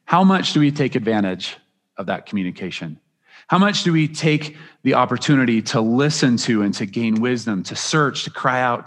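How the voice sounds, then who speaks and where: A man's voice: fairly low pitch, fairly bright tone. A man preaching a sermon as pastor, earnest and emphatic, often restarting his phrases. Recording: long reverb of a large hall.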